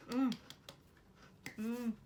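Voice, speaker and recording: A woman's voice: fairly high pitch, level tone, drawn-out words, mellow, slight background noise. A British woman chatting casually while tasting snacks, talking between bites and teasing herself. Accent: British English. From United Kingdom. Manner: chatty, eating while talking, self-mocking. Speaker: vlogger.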